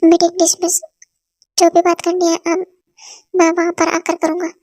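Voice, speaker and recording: A woman's voice: very high voice, monotone, moderate pace, darkish tone, dry recording, clean studio sound. A woman voicing a curt, brooding young husband in an amateur fan-dub drama reading, speaking in clipped commands and retorts. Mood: commanding.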